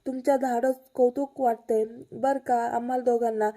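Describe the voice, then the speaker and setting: A woman's voice: fairly high pitch, steady tone, moderate pace, warm tone, close to an everyday voice. A woman voicing a caring young wife who speaks in a soothing, concerned way. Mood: worried.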